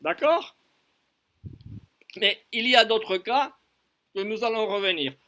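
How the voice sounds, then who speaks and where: A man teaching a lesson on verb conjugation, slowly repeating and spelling out each form. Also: high voice, animated, pushed and bright. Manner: slow and deliberate, repeating and spelling out forms; switches between French and Spanish explanations. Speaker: French teacher.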